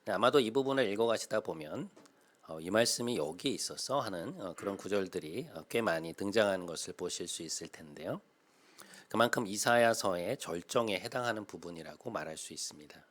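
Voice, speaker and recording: A male pastor in his thirties preaching a sermon, explaining patiently with frequent "uh" fillers and swelling to loud, emphatic calls. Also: low voice, animated, fairly quick.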